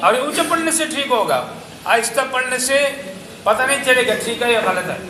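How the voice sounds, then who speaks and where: A man with a Pakistani Urdu accent teaching Quran recitation in a madrasa class, drilling single syllables and chanting verses slowly. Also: very high-pitched, expressive, roomy sound, loud music behind the voice, rough recording. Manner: corrects pronunciation by repeating syllables, then chants verses slowly.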